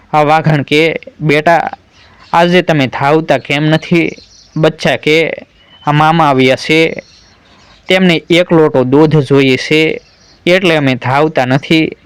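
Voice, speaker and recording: A man's voice: on the high side, clean tone, dry recording. Gujarati man telling a folk tale. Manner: plain retelling, quoting each character in his own voice. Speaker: storyteller.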